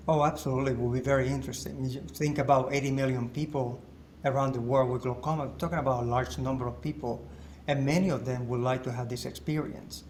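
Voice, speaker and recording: Measured, explanatory male guest. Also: medium pitch, steady tone, a little mellow, slight background noise. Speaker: guest, medical researcher. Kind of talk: interview answers.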